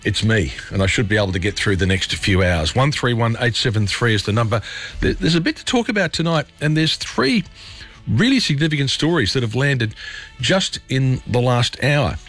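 In a radio studio, an Australian man hosts an evening talk show, chatting listeners through the news over soft background music. His medium-pitched voice is fairly bright and lively at a moderate pace, though a chest cold leaves it slightly scratchy.

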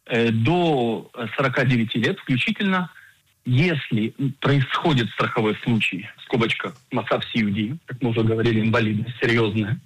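A man in his forties, an insurance agent and financial planner, explaining coverage in a radio interview in a measured way with frequent hesitations. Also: medium pitch, fairly bright tone, husky, rough recording.

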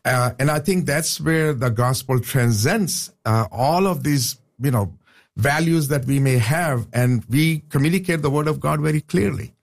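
A Pakistani professor, a man with a medium-pitched, gravelly voice, speaks at a measured pace as a guest in a radio studio. He talks earnestly in this casual interview, often restarting his sentences and filling gaps with "uh."

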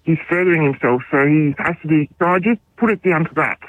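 A woman's voice: sits low, fast, no echo. A woman calling in to a radio show, her voice run through a voice changer to hide who she is; she sounds subdued and hesitant, with many ums. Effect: voice changer disguising the voice. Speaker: anonymous caller. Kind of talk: casual radio call-in chat. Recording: tinny phone line.

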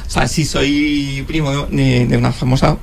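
A man's voice: mid-range voice, level tone, unhurried, creaky, a little hiss or hum. A man from Madrid in the studio audience, giving short, shy answers. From Madrid, Spain. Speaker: audience member.

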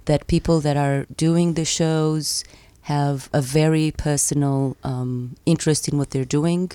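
Low, mellow woman. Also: steady tone, clear, resonant tone, dry recording. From Portugal. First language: Portuguese. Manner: thoughtful, measured, pauses with um. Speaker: community radio presenter, guest. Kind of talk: radio interview. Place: radio studio.

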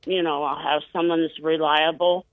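A caller on a radio show, heard over the phone, who talks in a halting way and often repeats and restarts words. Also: medium pitch, level tone, dry recording. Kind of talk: call-in radio chat. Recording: tinny phone line, dry.

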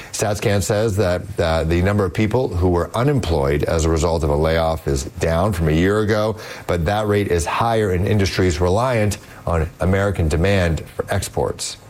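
Deep-voiced male news anchor. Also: darkish tone. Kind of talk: live breaking-news reading.

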